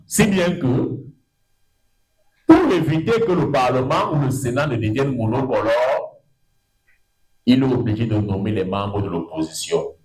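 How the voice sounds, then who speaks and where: Speaking with a Cameroonian French accent, a middle-aged lecturer teaches law at a university, his voice springing upward in pitch to underline ideas and his words drawn long. He's animated and digressive. The setting is a lecture room, and the audio is poor.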